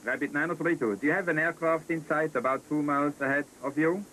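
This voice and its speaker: A man's voice: a little high, fairly quick, bright, forceful tone, poor audio. A man working as an air traffic controller, giving terse procedural instructions over the radio. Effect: air traffic radio transmission. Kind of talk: clipped radio instructions to aircraft.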